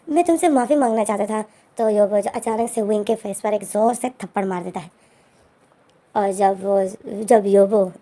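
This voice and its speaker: A woman's voice: on the high side, dark tone. A woman casually retelling a fan fiction story in a chatty, conversational way with fillers.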